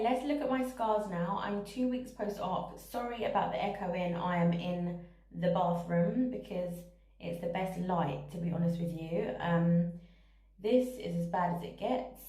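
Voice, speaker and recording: A woman's voice: on the low side, unhurried, dark tone. A young woman chatting upbeat and plain-spoken in a casual video diary, recorded on a phone in a small bathroom with an echo off the walls. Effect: echo of a small tiled bathroom. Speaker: vlogger.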